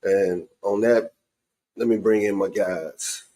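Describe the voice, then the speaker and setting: A man's voice: fairly low pitch, steady tone, slow, dark tone. A man hosting a podcast, talking casually with his friends in an informal, colloquial way. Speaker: podcast host. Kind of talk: casual sports talk among friends.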